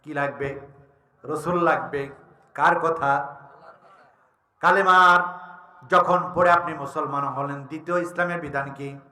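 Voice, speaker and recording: A man preaching a sermon, calling out questions to his listeners and swinging from low talk to shouted, chanted lines. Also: fairly even intonation, a little slow, long pauses, echoey room. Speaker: Islamic preacher. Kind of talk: Bengali waz sermon.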